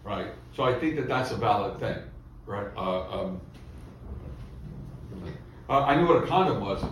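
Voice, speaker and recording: A man's voice: on the low side, lively intonation, unhurried, distant mic, slight background noise. Man coaching comedy in an echoey room. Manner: encouraging, explaining, joking along. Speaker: comedy teacher. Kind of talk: coaching a stand-up student.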